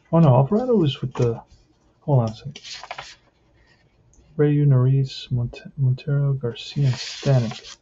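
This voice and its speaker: Mellow man commentating a tabletop game. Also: medium pitch. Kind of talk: casual play-by-play commentary, thinking aloud. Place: indoors at a tabletop. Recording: muffled lo-fi, faint noise with clicks.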